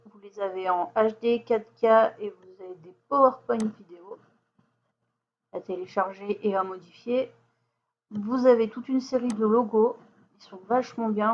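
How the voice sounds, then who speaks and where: A woman hosting a casual software tutorial, chatty, with many fillers and restarts. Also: medium pitch, dull audio. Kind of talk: screen-share software walkthrough.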